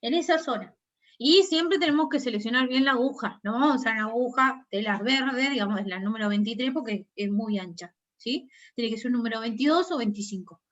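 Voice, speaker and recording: A woman's voice: fairly high pitch, a little fast, fairly bright tone, muffled recording. A woman with a Rioplatense Spanish accent teaching a nursing class, explaining step by step and often checking that students follow. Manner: explanatory, checks understanding with frequent tag questions. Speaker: nursing instructor. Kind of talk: online class lecture.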